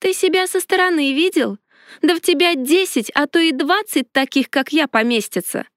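A woman's voice: sits high, big pitch swings, unhurried, no room sound, studio quality, pitched above the performer's own voice. A woman voicing a flustered young witch heroine who pleads and protests in a raised voice. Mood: indignant.

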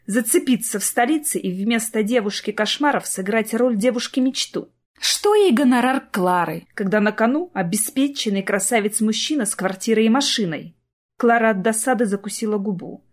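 Casting: female audiobook narrator, expressive, slightly high.

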